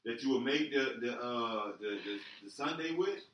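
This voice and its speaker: A man joking around in casual banter, quick and stumbling over repeated words. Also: medium pitch, expressive, recorded from a distance, dull audio. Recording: echoey room, off-mic.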